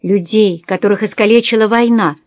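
A woman's voice: mid-range voice, normal speed, darkish tone, no echo, clean studio sound, lightly acted. A woman voicing a serious, humorless young girl who grumbles and protests, in an audiobook.

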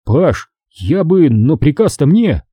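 A man's voice: fairly high pitch, sing-song, slow, warm tone, breathy edge, dry recording, pitched above the performer's own voice, exaggerated voice. A man voicing a firm, commanding sergeant who gives short, authoritative orders. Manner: curt, authoritative.

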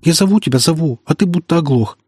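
Scornful red-haired girl in her teens, put on by a husky male reader, dry close audiobook read. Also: on the high side, animated, fast talker, a little mellow, dry recording, faint music behind, voice pushed up. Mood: puzzled. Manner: taunting, scornful. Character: feisty red-haired teenage girl, mocking and sharp.

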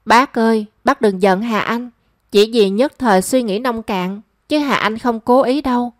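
A woman voicing a brisk, matter-of-fact young female friend. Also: fairly high pitch, dry recording, studio quality, lightly acted. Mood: pleading.

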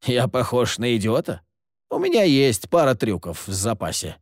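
A man voicing a sly, scheming man who mocks others in a low, hissing, sardonic tone. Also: big pitch swings, normal speed, no echo, clean studio sound.

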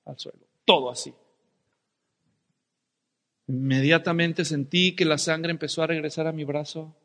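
Dramatic preacher in a reverberant hall. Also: male voice, a little high, steady tone, unhurried. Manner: dramatic storyteller, shouting and whispering for effect. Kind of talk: sermon with personal story.

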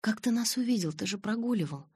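A queasy, stubborn teenage girl pleads and groans through her nausea, voiced by the woman reading. The voice is husky and lifts a little above the reader's low tone. It sounds dry. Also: expressive, fast talker, a little mellow, no echo. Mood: pleading.

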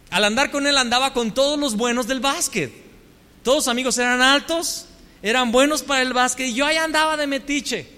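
A man's voice: extremely high pitch, pushed and bright. A man with a Mexican accent preaching a storytelling sermon, full of rhetorical questions and self-mocking humor. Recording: long hall reverb.

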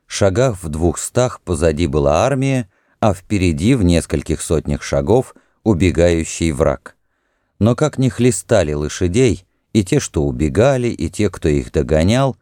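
Deep-voiced male audiobook narrator. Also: mellow, no echo, studio quality.

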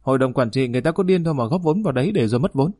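A sulky grown son talks back quickly and defiantly, as a male audiobook narrator reads him. His voice sits at a middle pitch. The recording is close and dry. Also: lively intonation, a little mellow, no room sound, close to an everyday voice. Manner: defiant, rapid, whining.

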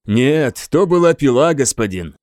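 A man's voice: medium pitch, sing-song, measured pace, darkish tone, no room sound. A man voicing a grinning warrior companion who tells grim details with dry amusement in an audiobook. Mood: wry. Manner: dryly amused, grim humor.

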